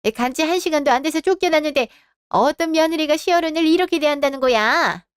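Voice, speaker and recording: A woman's voice: high voice, quick pace, dry recording, clean studio sound, pitched above the performer's own voice, close to an everyday voice. A woman voicing a haughty, indignant middle-aged mother-in-law who scolds sharply in a radio drama.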